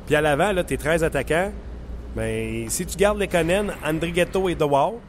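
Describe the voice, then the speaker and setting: A man with a Quebec French accent co-hosting sports talk radio, giving blunt, quick opinions. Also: a little high, slight background noise.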